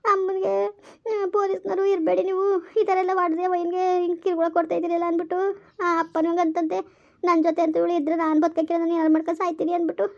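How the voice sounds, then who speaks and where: Tearful rustic girl voiced by a woman in a village skit, high and creaky, muffled recording. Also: completely flat delivery, fast talker. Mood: hurt. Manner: tearful complaining rustic speech. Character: upset young village girl, tearful and aggrieved. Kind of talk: village comedy skit acting. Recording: dull lo-fi recording.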